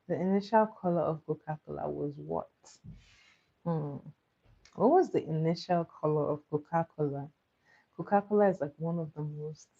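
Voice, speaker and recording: Sleepy lady hosting a trivia stream, slow and low, kinda dull lo-fi audio. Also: mellow. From Nigeria. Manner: repeats each question patiently, chats with viewers. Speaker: livestream quiz host. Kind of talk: casual live-stream trivia.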